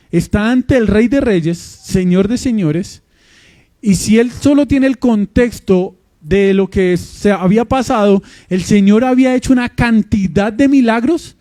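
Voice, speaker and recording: Colombian pastor guy preaching, high voice, mellow tone, asks questions then answers them. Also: dry recording. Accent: Colombian Spanish. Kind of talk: expository sermon. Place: church with babies heard in the back.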